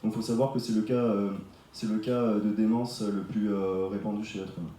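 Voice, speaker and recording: A man's voice: fairly low pitch, little pitch movement, fairly quick, warm tone, slight background noise. Young French man presenting with many fillers. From France. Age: 20s. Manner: many fillers and restarts, explanatory. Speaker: student project leader. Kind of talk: student presentation on stage. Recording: echoey room from far off.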